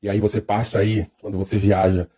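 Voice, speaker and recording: Husky, dark-voiced Brazilian man lecturing. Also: lowish voice, level tone, fairly quick. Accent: Brazilian Portuguese. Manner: thoughtful, hesitant, with repeated restarts. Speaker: speaker. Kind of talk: reflective lecture-style monologue.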